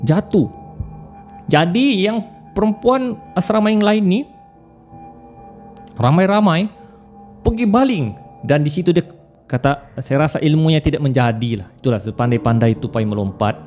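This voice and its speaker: Young guy telling a story, kinda high voice, laughs a lot, little music in the back. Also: measured pace, pauses often. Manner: animated, laughs often, mimics voices. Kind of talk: casual storytelling.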